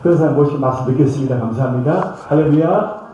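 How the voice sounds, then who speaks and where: A man's voice: a little high, fast, lo-fi sound. A man at a church service, casually introducing the guest missionary and leading applause. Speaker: church worship leader introducing speaker. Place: church sanctuary. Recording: very echoey church hall, noise.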